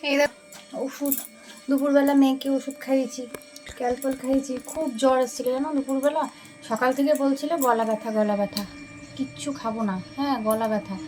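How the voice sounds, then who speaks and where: A woman's voice: high-pitched, fairly even intonation, brisk, darkish tone, soft background music, low-quality recording. A woman, chatting homely and straight to her viewers while filming around her home on a handheld phone. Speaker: vlogger and homemaker. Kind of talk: casual vlog narration to viewers. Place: home, indoors.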